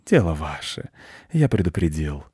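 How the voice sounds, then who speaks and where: A man's voice: rumbling low, sing-song, normal speed, dark tone, husky, dry recording, studio quality, full character voice. A man voicing a cunning male fox who speaks slyly in an audiobook. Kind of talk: audiobook character voice.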